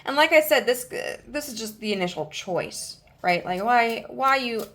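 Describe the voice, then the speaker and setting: A woman's voice: a little high, expressive, normal speed, fairly bright tone. A woman in her thirties giving a casual tarot reading, chatty and loose, full of fillers and restarts. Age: 30s. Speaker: tarot reader.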